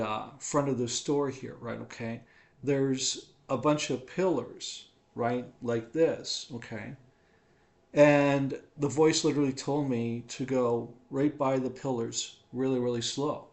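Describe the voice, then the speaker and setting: Sitting in a home living room, a man with a mid-range voice casually shares a personal testimony. He rambles a bit and keeps checking in with listeners by asking "right?" and "okay?"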